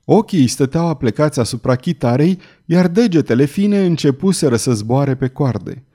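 A man narrating a historical novel in an expressive, theatrical reading style. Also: a little high. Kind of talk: dramatic audiobook narration.

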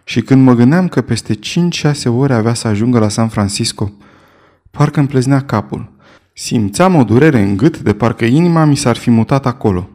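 A man reading a story aloud in the first person, with measured, steady storytelling. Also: mid-range voice. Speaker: narrator. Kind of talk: scripted first-person narration.

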